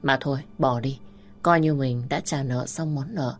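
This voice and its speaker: A woman narrating an audiobook in a calm, measured, polite way. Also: extremely low pitch, soft background music. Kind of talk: scripted story narration.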